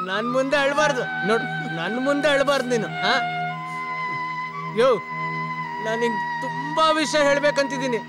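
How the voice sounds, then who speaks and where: An actor dubbing a down-on-his-luck younger brother who is drunk and rambles, repeating himself, in a dubbed film. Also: very high voice. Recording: loud film score behind. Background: music.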